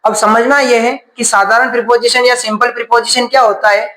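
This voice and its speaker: A man's voice: very high voice, fairly even intonation, a little fast, bright, forceful tone, echoey room, poor audio. A man teaching a grammar class, asking questions and then answering them himself.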